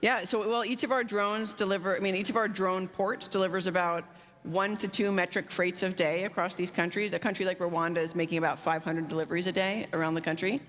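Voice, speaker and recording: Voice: medium pitch, steady tone, a little fast, fairly bright tone. A founder answering panel questions, fluent and upbeat, with many casual fillers. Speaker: drone logistics company founder, panelist. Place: large conference hall stage. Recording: long hall reverb.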